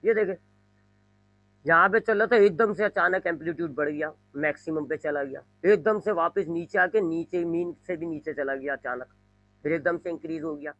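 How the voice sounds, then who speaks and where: A man teaching a physics lesson, explaining slowly and repeating his points, now and then imitating sounds. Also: on the high side, a bit bright, lo-fi sound, faint music behind. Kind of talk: classroom lecture.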